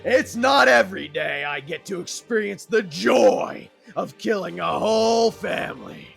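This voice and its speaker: A man voicing a sadistic, hulking male monster who shouts drawn-out, mocking taunts. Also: sits high, animated, gravelly, faint music behind, voice pushed up, exaggerated voice.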